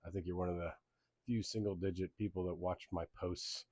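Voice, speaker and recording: A man's voice: sits low, fairly even intonation, fairly quick, a little mellow, dry recording. A man who grew up in Belgium and Germany, hosting a casual sports league recap in an easygoing, rambling way with many ums. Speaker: league host.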